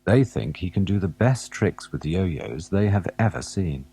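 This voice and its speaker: Unhurried and gentle, a deep, slightly husky male narrator reads a scripted storybook from a children's alphabet tape to young listeners. His intonation is lively, swinging up and down a great deal, and he asks questions and pauses so the child can find things on the page.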